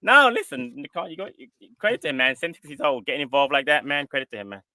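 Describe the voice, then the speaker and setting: A man's voice: a little high, big pitch swings, very fast, over a noisy crowd. A man giving casual football punditry as a co-host, emphatic and often repeating himself.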